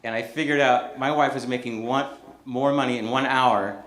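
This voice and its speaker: A man's voice: medium pitch, fairly even intonation, moderate pace, a bit bright. A man performing self-deprecating stand-up comedy live on stage. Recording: echoey, noisy live club recording.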